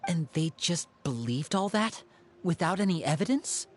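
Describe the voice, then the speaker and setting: A man playing a composed young brother and protective leader in a video game, speaking in a measured, serious way. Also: fairly high pitch, animated, slight background noise, close to an everyday voice. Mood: doubtful.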